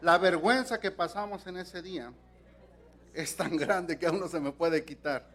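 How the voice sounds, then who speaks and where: High-voiced animated preacher. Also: male voice, normal speed. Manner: animated storytelling, acts out voices, repeats words. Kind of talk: sermon.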